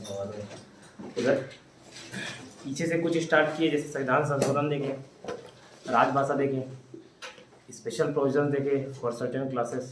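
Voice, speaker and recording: A male teacher dictating a lesson to his class, spelling out words slowly and telling students what to write down. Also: medium pitch, distant mic, noisy background. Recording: echoey room, voice from afar.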